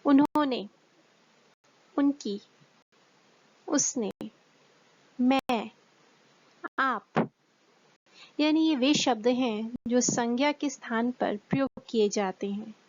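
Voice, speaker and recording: A woman teacher explaining a grammar lesson to children, slowly and clearly, asking them questions as she goes. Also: a little high, a little mellow. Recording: dull, dry lo-fi recording.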